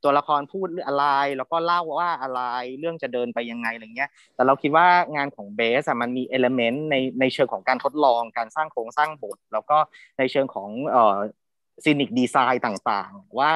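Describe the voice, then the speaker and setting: A man's voice: mid-range voice, normal speed, a bit bright, no room sound. Hesitant man on a dry video call. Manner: hesitant, thinking aloud with many fillers. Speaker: theatre panelist. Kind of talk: casual panel chat.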